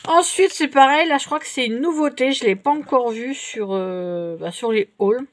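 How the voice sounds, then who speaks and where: A middle-aged woman doing a casual show-and-tell haul of craft supplies, chatty and unhurried, often pausing to correct herself. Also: high voice. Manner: chatty and unhurried, many fillers and self-corrections. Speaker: vlogger showing craft purchases.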